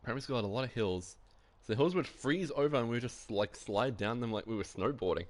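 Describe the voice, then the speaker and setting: A man's voice: mid-range voice, quick pace, a little hiss or hum. A young man streaming live, rambling through anecdotes in casual chat, swearing often and laughing a lot.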